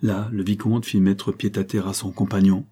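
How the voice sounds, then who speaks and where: Male audiobook narrator, low pitch, warm dark tone, measured dramatic reading. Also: level tone, breathy edge.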